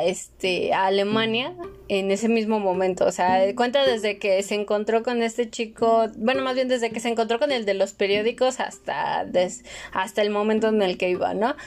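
A woman talks through a film's story in a relaxed conversation. Her voice sits in an average pitch range, and she keeps going with frequent fillers as she lays out the plot. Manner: retells a plot at length with many fillers. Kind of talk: casual film discussion.

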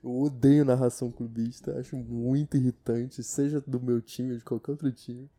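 Young man, Brazilian Portuguese accent, dark mellow tone, casual podcast monologue, profane, self-mocking. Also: mid-range voice, flat delivery, moderate pace. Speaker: podcast host.

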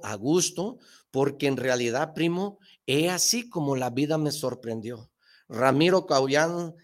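A man hosting a motivational talk show, speaking emphatically with slangy rhetorical questions and bursts of excitement. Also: mid-range voice.

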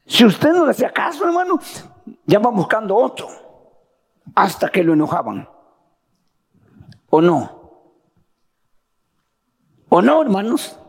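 Animated preacher man, gravelly voice. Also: sits high, measured pace, pauses often, in a large hall. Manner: keeps addressing listeners as "hermano" with tag questions. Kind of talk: sermon.

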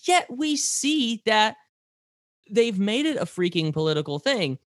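A man's voice: a little slow, no room sound, studio quality. A man co-hosting a podcast, chatting casually, joking and teasing, his voice jumping up when he gets fired up. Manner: joking, animated, jumps high when excited. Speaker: podcast co-host.

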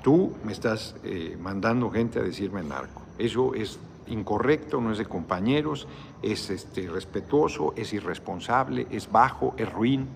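A man's voice: on the low side, lively intonation, measured pace, vocal fry, a little hiss or hum. A tired middle-aged man with a Mexican accent, chatting casually on a livestream, rambling, cursing and reading out viewer comments. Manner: rambling, salty slang, reads viewer comments aloud. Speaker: politician hosting a live video chat.

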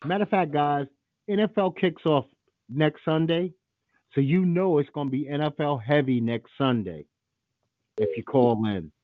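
A man's voice: a little high, normal speed, dry recording, phone-quality sound. A man hosting a call-in show, talking in a blunt, profane and opinionated way. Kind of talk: casual call-in radio talk.

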